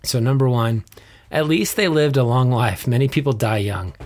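A man's voice: mid-range voice, moderate pace, a little mellow. A man with an American accent, co-hosting a podcast in a conversational style. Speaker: podcast co-host.

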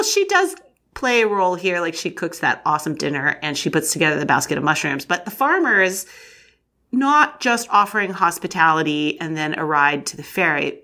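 A woman's voice: on the low side, pushed and bright. A woman co-hosting a podcast, chatting casually and enthusiastically about a book, laughing often. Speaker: podcast co-host.

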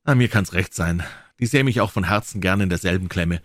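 A man's voice: deep voice, fairly quick, no echo, clean studio sound, close to an everyday voice. A man voicing a cocky young schoolboy who scoffs while muttering to himself. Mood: scornful.

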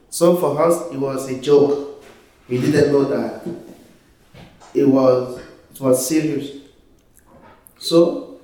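Slow-spoken Ivorian man in an echoey room. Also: medium pitch, mellow. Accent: Ivorian French. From Ivory Coast, West Africa. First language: French. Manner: halting, searching for words in limited English. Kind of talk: personal testimony to a group. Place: echoey room, away from the mic. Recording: very echoey room, distant mic.

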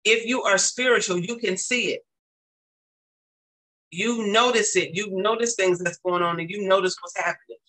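Male teacher, high bright voice, emphatic repetitive preaching cadence, casual testimony. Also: fairly even intonation, normal speed, poor audio.

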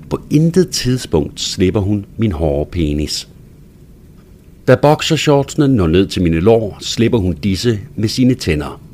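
A man reading a first-person story aloud in a hushed, intimate manner that sometimes drops to a whisper. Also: lowish voice, slight background noise. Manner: hushed, intimate delivery, dropping to a whisper at times. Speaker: narrator.

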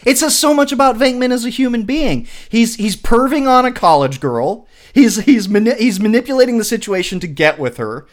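Man, casual film talk, animated swings in pitch, eager, stumbles over words. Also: fairly quick, few pauses. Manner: enthusiastic, analytical, stumbles and repeats words. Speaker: podcast co-host.

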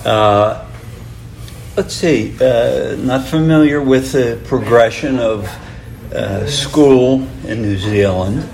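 A man hosting a casual interview, asking questions haltingly with many uhs. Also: medium pitch, creaky, darkish tone, a little hiss or hum. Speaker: host.

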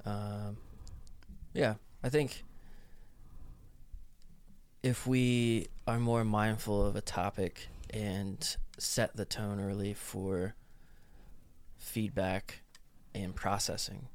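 Slow-talking man with a lowish voice. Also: flat delivery, clean tone. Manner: joking, halting. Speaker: podcast co-host, counselor. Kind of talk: casual chat.

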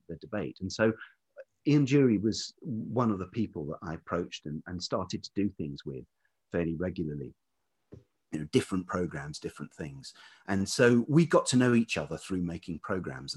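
A middle-aged writer and producer, appearing as a podcast guest, shares reflective anecdotes while hesitantly piecing his thoughts together. His voice is deep, velvety, darkish, and slightly rough.

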